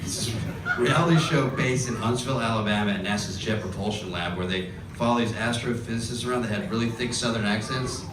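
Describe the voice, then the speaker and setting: A man from Georgia in the US doing a stand-up set, wry and chuckling through his punchlines, heard from a distance in an echoing club over loud crowd noise. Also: lowish voice, a little fast. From grew up in Georgia, US. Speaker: stand-up comedian. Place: comedy club stage. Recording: roomy club, far mic, loud crowd.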